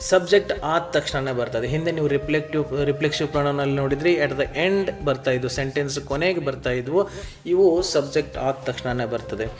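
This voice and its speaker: A man teaching English grammar in Kannada with a Kannada accent, reading the English example sentences slowly. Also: a little high. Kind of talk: lesson explaining grammar in Kannada.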